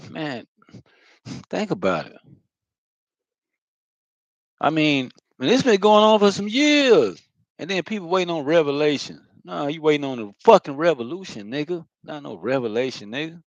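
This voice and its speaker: A man's voice: a little high, very animated, normal speed, vocal fry, pauses often, dry recording, muffled recording. A man giving a loose, profane spiritual monologue, talking casually with lots of fillers. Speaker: spiritual vlogger.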